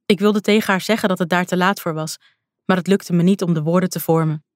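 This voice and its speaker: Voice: mid-range voice, fairly even intonation, fast, dry recording. An audiobook narrator telling a first-person fantasy story in a tense, dramatic way. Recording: dry, close studio sound.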